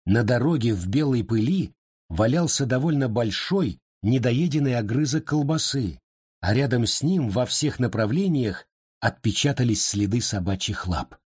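Husky man narrating an audiobook. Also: mid-range voice. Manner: expressive, measured storytelling.

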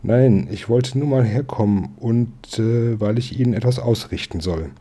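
Bustling neighbor lady, eager and gossipy, voiced by a male reader; dark, husky. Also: mid-range voice, natural voice. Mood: hesitant. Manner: bustling, gossipy, quick to reassure. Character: chatty eager neighbor woman, a baker's wife.

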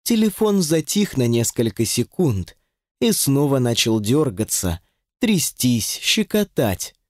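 Male audiobook narrator, expressive storytelling, lively pitch, dry close sound. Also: slow pace, no echo. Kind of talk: scripted narration.

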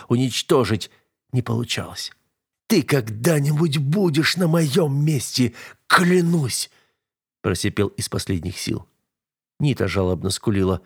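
A male narrator with a husky, mid-pitched voice reads a first-person audiobook. His delivery is tense and dramatic. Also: a little mellow, no room sound, clean studio sound.

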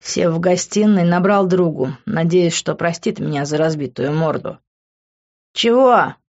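Woman audiobook narrator, low voice, steady first-person reading, dull lo-fi recording. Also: normal speed. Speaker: audiobook reader.

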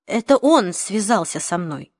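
A woman reading the part of an ailing older father who pleads and evades, in a lowered, subdued audiobook voice. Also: lively intonation, a little slow, a little mellow, breathy edge, no echo, clean studio sound. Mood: hesitant. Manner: hesitant, pleading.

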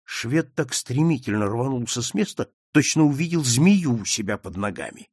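A man's voice: medium pitch, lively intonation, normal speed, a little mellow, breathy edge, dry recording, studio quality. A man narrating an audiobook story with a dramatic, vivid reading. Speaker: audiobook reader.

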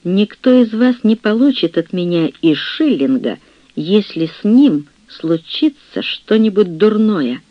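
A woman's voice: mid-range voice, animated, a little slow, dry recording, muffled recording, voice pushed up. A man voicing a fierce old aristocratic woman who scolds harshly and bitterly, in a storybook reading. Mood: scornful. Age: older. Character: fierce old aristocratic aunt, scornful and angry.

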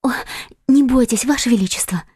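A devoted young maid swears loyalty in a very high, fervent falsetto, as a male reader puts her on. She rushes her words and pushes them out loudly. The sound is dry and close. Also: dry recording. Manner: fervent, rapid, earnest falsetto. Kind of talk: audiobook character voice.

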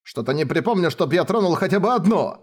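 A man doing a loud, whiny young mage. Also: a little high, animated, quick pace, husky, voice pushed up. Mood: complaining. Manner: shouting, exasperated outbursts.

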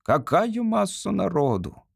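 A haughty society lady, as a male reader puts her on, issuing orders in a sharp, measured, stern voice. The intonation stays lively and expressive. The sound is close and dry. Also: high-pitched, gravelly, slightly rough, no room sound, pitched above the performer's own voice, full character voice.

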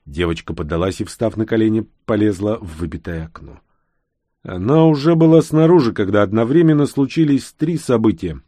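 A man narrating a post-apocalyptic audiobook in a steady, dramatic reading style. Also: fairly low pitch, no room sound, studio quality. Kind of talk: scripted narration.

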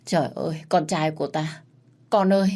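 A woman's voice: fairly low pitch, animated, normal speed. A woman voicing a grieving royal mother in a read-aloud story, wailing in anguish.

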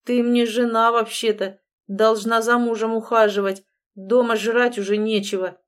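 A woman's voice: a little high, flat delivery, normal speed, natural voice. A woman reading an audiobook, voicing a crude, scruffy young man who sneers in coarse slang. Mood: sneering.

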